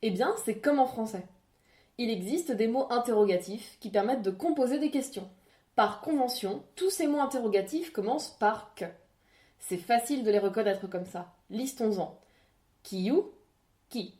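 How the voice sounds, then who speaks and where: Woman presenter, scripted lesson narration, clear and didactic. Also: on the high side, expressive, dark tone. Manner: clear, didactic, spells out examples slowly.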